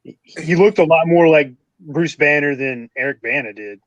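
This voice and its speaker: A man's voice: fairly high pitch, no echo, highs cut off. A man co-hosting a casual movie review podcast, chiming in to correct facts and give opinions. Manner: corrects facts, quick interjections. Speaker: podcast co-host.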